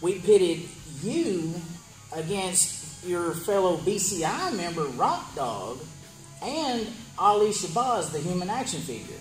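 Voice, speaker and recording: Lively male wrestling promo interviewer, echoey. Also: high voice, takes it slowly. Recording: echoey room with music behind.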